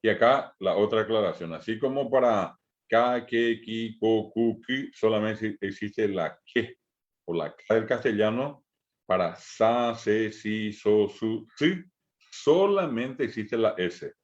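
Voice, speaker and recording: Slow, low-voiced Paraguayan man teaching. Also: animated, lo-fi sound. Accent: Paraguayan Spanish. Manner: slow, repeats sounds for learners to copy. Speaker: language teacher. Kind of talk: online language lesson.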